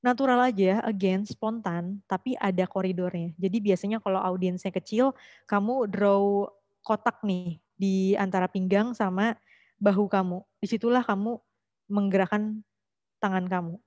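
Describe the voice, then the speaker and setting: A woman's voice: mid-range voice, fairly even intonation, moderate pace, a little mellow, dry recording, dull audio. Chatty woman teaching public speaking, dry sound. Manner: chatty, mixes in English phrases. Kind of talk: online workshop lesson.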